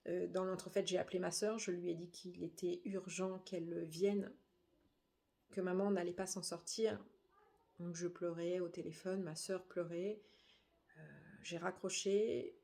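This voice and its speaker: Halting grieving middle-aged woman, mellow voice. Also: fairly low pitch, little pitch movement, gravelly. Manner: halting, with frequent hesitations; grieving, subdued. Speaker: bereaved daughter. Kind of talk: personal testimony.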